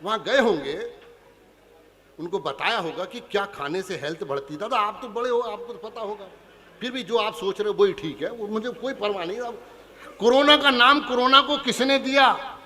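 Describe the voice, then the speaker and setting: A man's voice: high-pitched, lively intonation, moderate pace, fairly bright tone, long reverb tail. A man with a Punjabi accent, a comic poet on stage, teasing and chatting with a live audience. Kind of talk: stand-up comic poetry recital. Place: large hall before a live audience.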